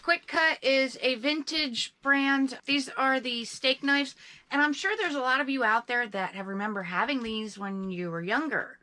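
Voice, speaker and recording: Casting note: woman, bright, higher voice, chatty reseller co-host who teases. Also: moderate pace, poor audio. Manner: teasing, chatty. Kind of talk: casual chat.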